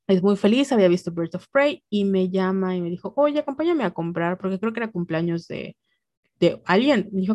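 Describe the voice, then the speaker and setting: A woman's voice: mid-range voice, a little mellow, no echo. A young woman with a Mexican accent, telling a personal story in casual podcast chat, full of slang and quoted dialogue. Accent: Mexican Spanish.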